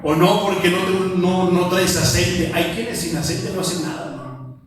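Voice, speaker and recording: A man's voice: high-pitched, a little slow, a crowd in the background. A man with a Mexican accent preaching a sermon as pastor, talking conversationally with many rhetorical questions and frequent appeals to "my brother". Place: church prayer hall. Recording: very echoey hall, voice from far off.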